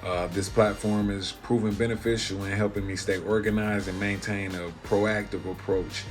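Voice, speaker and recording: A man reads an earnest ad testimonial in a low voice. He stays monotone throughout, over faint background music. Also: normal speed. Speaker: ad testimonial speaker. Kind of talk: read testimonial.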